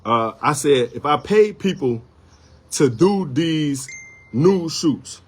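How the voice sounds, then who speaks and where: Speaking slowly, a livestreaming photographer delivers a rambling, repetitive, defensive monologue full of restarts and heartfelt apologies. His voice is husky and fairly high, with lively intonation.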